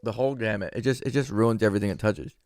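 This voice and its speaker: A man co-hosting a podcast in casual chat, dropping dry, quick joking remarks. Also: fairly low pitch, a little mellow, no room sound. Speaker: podcast co-host.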